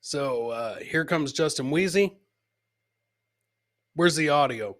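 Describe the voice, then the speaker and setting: A podcast host and stand-up comedian runs a live show, reacting to clips in a casual, informal chat and often repeating his own lines. His voice is a little high, he takes things slowly, and there's no room sound.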